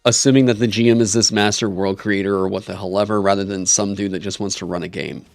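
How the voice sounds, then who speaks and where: A man's voice: fairly low pitch, steady tone, fast talker, vocal fry, no echo, soft background music. A man co-hosting a casual chat about a tabletop game, reading rules aloud and giving wry, frank opinions with lots of fillers, hiccuping now and then. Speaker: co-host reviewing a tabletop game.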